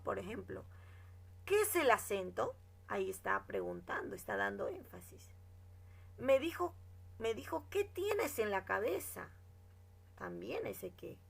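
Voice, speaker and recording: Her voice sits at a medium pitch with a creaky quality. A teacher in class, she slowly explains grammar, reads sample sentences aloud, and keeps asking her students "¿no?" and "¿de acuerdo?"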